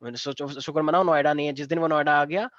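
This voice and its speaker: A man's voice: fairly high pitch, fairly even intonation, fast talker, fairly bright tone, no room sound. Man in his twenties teaching an online physics class. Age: 20s. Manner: joking, teasing students between explanations. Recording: dull dry online class audio.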